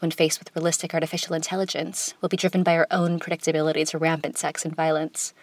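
A woman hosting a podcast, reading a scripted opinion piece in a smooth, composed, conversational way with wry touches. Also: on the low side. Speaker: podcast host. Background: music.

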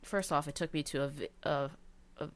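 A woman with a notably low voice talks casually about her favorite video games. She rambles, stacking fillers and restarting sentences as she goes. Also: a little fast. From Cantonese family background.

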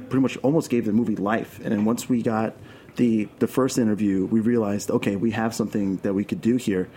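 A documentary filmmaker from Queens, New York City, with a Brooklyn New York accent, speaks casually as an interview guest. His voice is on the low side and darkish, and he tells anecdotes haltingly, repeating phrases. The recording has clear background noise and room ambience.

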